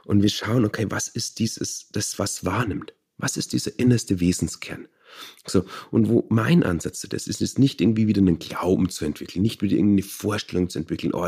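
Male meditation teacher being interviewed, low, dark and husky voice, calm and searching for words. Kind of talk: interview conversation.

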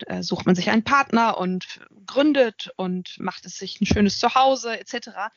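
A middle-aged woman, an author and consultant, gives a reflective, thoughtful interview, hesitating frequently. Her voice is medium-pitched and creaky, recorded with no echo and a lo-fi sound.

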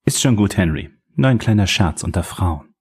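A man reading an audiobook, voicing a cool, powerful woman official who talks with smooth, condescending politeness. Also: sits low, expressive, normal speed, darkish tone, exaggerated voice.

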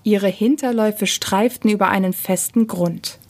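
A woman reading a children's story aloud as narrator, calm and unhurried. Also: mid-range voice.

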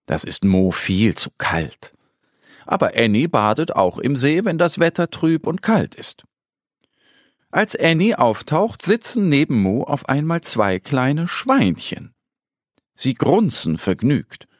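An adult man narrating a children's story with lively, expressive delivery. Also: mid-range voice, slow pace, no room sound, clean studio sound.

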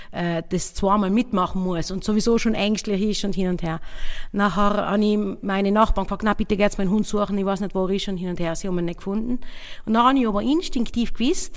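A woman innkeeper with a South Tyrolean German accent, telling her own story in a halting, casual way, often searching for words. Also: mid-range voice, big-room sound. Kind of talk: personal account, casual spoken.

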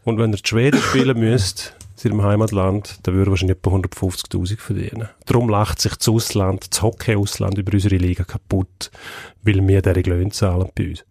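A man's voice: lowish voice, steady tone, brisk, gravelly, darkish tone, no echo, clean studio sound. A man with a Swiss German accent giving blunt, scornful opinions on hockey in a casual chat. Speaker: hockey pundit.

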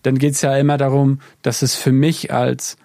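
In clean studio audio free of room sound, a man from Germany speaks reflectively in a casual podcast conversation about worship music, full of fillers as he thinks aloud. His medium-pitched voice is gravelly yet mellow, with little pitch movement and a moderate pace.

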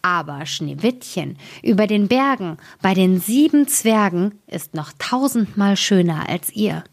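A woman's voice: medium pitch, lively intonation, unhurried, gravelly. A woman voicing a solemn magic mirror.

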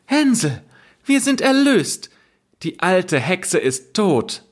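A man's voice: fairly high pitch, very animated, unhurried, pitched above the performer's own voice. A man voicing a young girl in a storybook reading, frightened but brave. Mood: overjoyed.

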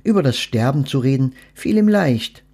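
A podcast host reads a children's story aloud, then reflects thoughtfully on death and letting go. His mid-range voice has lively intonation and a slightly rough quality at a moderate pace, and his manner is thoughtful and gently instructive.

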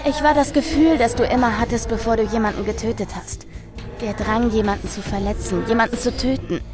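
A woman voicing a sadistic, condescending shadow entity in a horror story reading, speaking slowly and menacingly. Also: on the high side, music in the background, natural voice. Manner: slow, drawn-out, menacing delivery.

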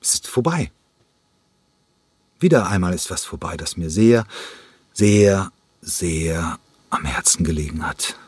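A man's voice: deep voice, lively intonation, takes it slowly, pauses often, a little mellow, breathy edge, dry recording, full character voice. A man voicing a heartbroken middle-aged ballet director, speaking in a tearful, weary lament. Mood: grieving.

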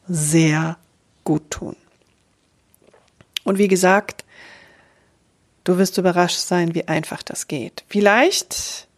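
A woman's voice: fairly low pitch, a little mellow. A woman voice coach explaining a voice exercise on her podcast, speaking straight to the listener in an encouraging way. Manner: encouraging, direct address to listener. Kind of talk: podcast voice lesson. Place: podcast recording.

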